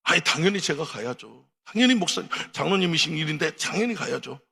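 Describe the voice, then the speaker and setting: A man's voice: a little high, animated, fast, vocal fry, sharp tone, husky, exaggerated voice. A man voicing a tender young pastor who cries out heartfelt, raised exclamations. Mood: distressed. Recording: long reverb of a large hall.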